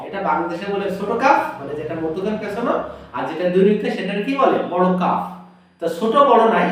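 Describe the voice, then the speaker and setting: A man teaching Arabic letter pronunciation, explaining step by step and drawing out each sound slowly to demonstrate it. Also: sits high, a bit bright, distant mic. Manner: asks the viewer questions, then answers them himself. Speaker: Quran teacher. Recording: very echoey room, voice from off the mic.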